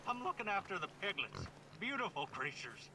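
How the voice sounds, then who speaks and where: An actor playing a gruff male pig keeper with a Southern US drawl. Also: high voice, wildly swooping pitch, normal speed, background noise, heavily acted. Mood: fond.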